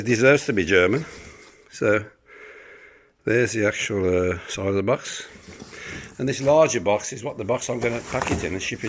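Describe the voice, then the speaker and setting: In a noisy background, a man with a fairly low voice shows off an item he has for sale. His casual, unscripted demonstration rambles and hesitates, and he records it himself on a phone held behind the camera, indoors in the living room of his apartment.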